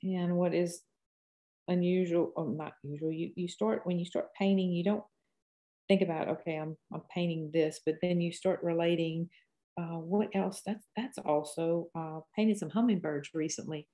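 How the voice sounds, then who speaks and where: An older woman in her sixties with a Cajun accent speaks in a fairly low voice. She gives a casual painting lesson, wandering in a folksy way from tip to tip as she thinks out loud. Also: steady tone, moderate pace. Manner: rambling, folksy, thinks aloud while painting. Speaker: painting teacher. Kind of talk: casual live painting tutorial.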